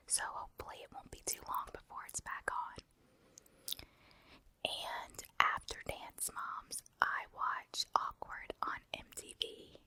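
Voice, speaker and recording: A woman whispering softly and breathily in a casual, rambling ASMR chat, close on the mic from ear to ear. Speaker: ASMR video creator. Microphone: close binaural ASMR microphone, ear to ear.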